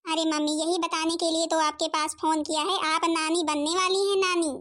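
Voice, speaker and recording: A woman's voice: very high-pitched, flat delivery, normal speed, a bit bright. A woman voicing a happy young married daughter in a cartoon comedy, cheerful and a little coy.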